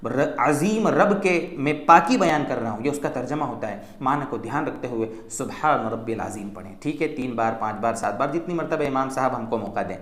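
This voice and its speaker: A man gives a religious instruction talk on how to pray as a mufti, patiently laying out each step and checking in with "theek hai" again and again. He speaks at medium pitch, animated and fairly quick with hardly any pauses, his fairly bright voice echoing in the room.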